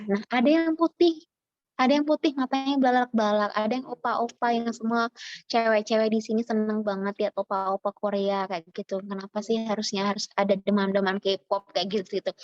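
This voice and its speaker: A woman from Java, a university lecturer, speaking in a chatty, animated way with many fillers, as a webinar speaker. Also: mid-range voice, dry recording, muffled recording. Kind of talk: informal lecture. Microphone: video call.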